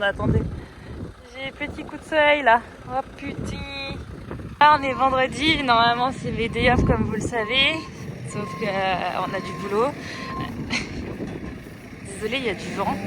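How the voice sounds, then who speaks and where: Chatty young woman on a farm. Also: fairly high pitch. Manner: chatty and self-mocking. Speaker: vlogger. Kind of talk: casual vlog chat. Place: outdoors on a farm and at home. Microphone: wireless clip-on mic. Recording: wind and outdoor noise.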